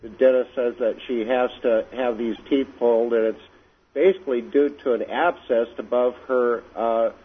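A man calling in to a radio show, speaking hesitantly with many pauses and fillers. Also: mid-range voice, steady tone, husky. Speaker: caller. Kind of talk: phone-in call. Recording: tinny phone line with faint noise.

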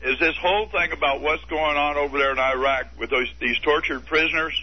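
A man phones in to a talk radio show and argues his point with earnest conviction. His voice is husky and sits a little high. It comes through a dull, lo-fi radio broadcast. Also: fairly even intonation, a little fast. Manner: earnest, firm, argumentative. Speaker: radio caller. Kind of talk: call-in radio debate.

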